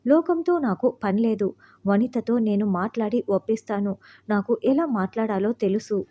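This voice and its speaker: A woman's voice: mid-range voice, normal speed, dull audio, close to an everyday voice. A woman storyteller voicing a lovesick young man who earnestly begs his lover to stay. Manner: earnest, pleading.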